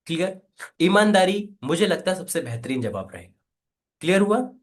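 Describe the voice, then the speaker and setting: ऊर्जावान, ऊँची आवाज़ वाला हिंदी ट्रेनर पुरुष. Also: male voice, high-pitched. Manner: energetic, coaxing, repeats "right?" and "quickly". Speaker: affiliate marketing trainer. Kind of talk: live online training session.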